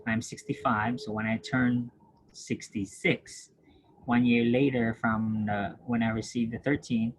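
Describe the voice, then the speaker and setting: Brief: male nursing lecturer, patient and repetitive, mid-pitched voice, light hiss on the recording. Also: flat delivery, measured pace, rough recording. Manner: patient, repetitive, checks understanding with questions; frequent throat clearing and restarts. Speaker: nursing instructor. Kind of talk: recorded lecture over screen share.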